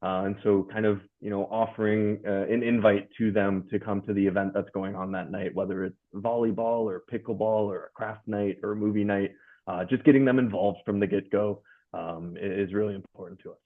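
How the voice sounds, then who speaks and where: A man on a webinar panel, speaking in a relaxed way with lots of ums and uhs over a video call. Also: lowish voice, a little fast. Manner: relaxed, many filler words. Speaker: hospitality company staff manager, panelist. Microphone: video call mic. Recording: tinny phone-like call audio.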